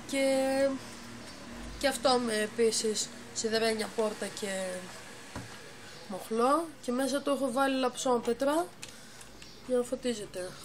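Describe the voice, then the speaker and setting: A woman with a slightly high voice casually shows off a digital playing field she built, stumbling and often correcting herself as she explains each step. She talks from a dark room at home beside a computer. A phone camera films the monitor, and the recording carries heavy background noise.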